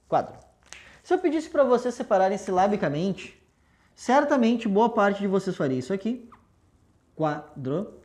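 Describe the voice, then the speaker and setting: A woman's voice: medium pitch, darkish tone. A woman teacher, patiently explaining a lesson step by step with rhetorical questions and an affectionate tone toward her students. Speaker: language teacher. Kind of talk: recorded video lesson at a whiteboard.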